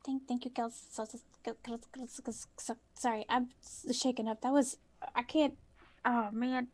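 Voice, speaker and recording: A woman's voice: a little high, fairly even intonation, normal speed, close to an everyday voice. Woman playing a feeble, ailing, stammering woman. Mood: shaken, ailing. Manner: feeble, ailing, plaintive, stammering over aches. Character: shaken, achy, polite wheelchair-using woman. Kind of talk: in-character tabletop role-play.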